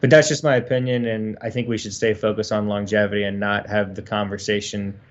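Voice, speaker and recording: Low-voiced rambling man on a livestream. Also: level tone, fairly quick, highs cut off. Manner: rambling, earnest, many fillers. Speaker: co-host. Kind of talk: casual livestream chat.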